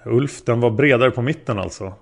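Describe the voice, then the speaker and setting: A man's voice: mid-range voice, gravelly. A man reading the questions of a methodical male police interrogator. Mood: probing. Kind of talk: read-aloud interrogation transcript.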